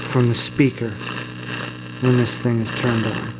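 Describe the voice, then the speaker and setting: Here a man with a mid-range voice speaks at a measured pace, hosting a hobbyist video with a hands-on demonstration. The talk is casual and informal, a touch rambling and self-deprecating. Steady mains hum and room noise fill the recording, along with electrical hum and faint static.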